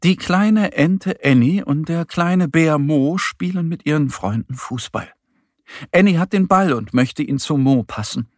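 A man narrating a children's audio story in a lively, expressive way, with a husky voice. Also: a little high, a little slow, dry recording, clean studio sound.

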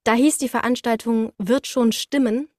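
Recorded dry with clean studio sound, this young woman speaks at normal speed in a slightly high, a little mellow voice with fairly even intonation. As an interview guest and studio voice artist, she chats casually and enthusiastically about her story, colloquial and dramatizing quoted exclamations.

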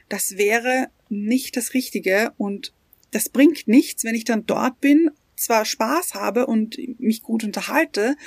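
A woman's voice: mid-range voice, gravelly, husky, no room sound. A woman co-hosting a podcast, speaking reflectively and earnestly in casual chat, often repeating words for emphasis. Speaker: podcast co-host.

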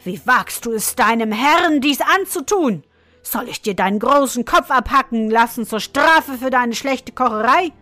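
A proud, hot-tempered duke roars and threatens in a raised, loud voice, as a woman reading the tale puts him on. He sounds high and forceful, with soft music faintly behind. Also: lively intonation, a little slow, no echo. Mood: furious. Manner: shouting threats, blustering.

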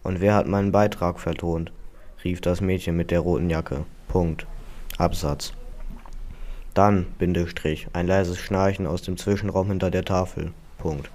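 A man's voice: low voice, measured pace. A man reading a comic fairy tale aloud, dryly speaking every punctuation mark as a word. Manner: reads punctuation marks aloud, flat and dry. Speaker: story reader.

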